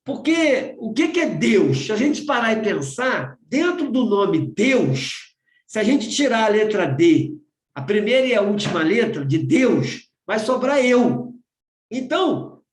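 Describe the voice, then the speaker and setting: A Brazilian man with a fairly high voice leads a spiritual study group over a video call. He talks in a loose, conversational way, repeating phrases and asking "né?" again and again. The sound is roomy and echoey. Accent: Brazilian Portuguese. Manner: keeps asking "né?", repeats himself.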